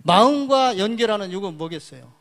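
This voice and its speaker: A man's voice: sits high, expressive, brisk, a bit bright. A man giving a public lecture, explaining characters step by step and pointing at them as he talks, often asking and then answering his own questions.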